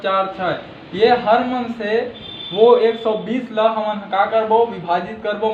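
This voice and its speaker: A man's voice: high voice, echoey room, dull audio, slight background noise. A man with a Chhattisgarhi accent teaching a maths lesson step by step, often checking in with "thik hai" and calling viewers friends.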